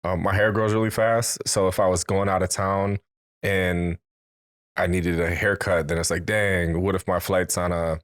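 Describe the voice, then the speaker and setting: A man with a Midwestern American accent co-hosts a podcast in a very deep voice. His manner is laid-back and joking, and the studio sound is close and dry. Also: flat delivery, moderate pace, no room sound. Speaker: podcast co-host, studio owner. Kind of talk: casual podcast chat.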